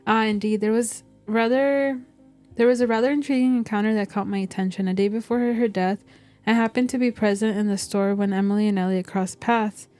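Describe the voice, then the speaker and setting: A woman's voice: mid-range voice, steady tone, a little fast, mellow, soft background music, lightly acted. A woman reading aloud the game part of a formal, wordy, nosy male village shopkeeper. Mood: formal, intrigued.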